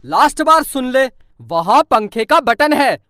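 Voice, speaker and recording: A woman's voice: sits high, sing-song, a little slow, a bit bright, slight background noise, heavily acted. A woman voicing a grumpy, short-tempered father who snaps and scolds in a homemade comedy skit. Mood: irritable. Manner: snapping, scolding, exasperated. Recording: background music.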